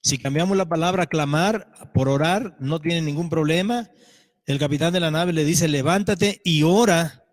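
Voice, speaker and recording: Pastor preaching in a reverberant church. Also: male voice, a little high, moderate pace. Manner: animated, acts out quoted voices, asks the congregation questions. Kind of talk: sermon. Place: church sanctuary.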